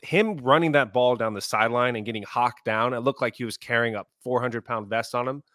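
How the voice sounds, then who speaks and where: A man co-hosting a sports podcast, recounting plays fast and with animated exasperation. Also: medium pitch, dry recording, clean studio sound. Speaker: podcast co-host.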